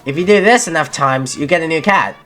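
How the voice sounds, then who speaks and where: A young channel host gives casual gameplay commentary in a fairly quick, somewhat bright voice that sits on the high side. He thinks aloud and corrects himself mid-sentence while faint game music plays behind him.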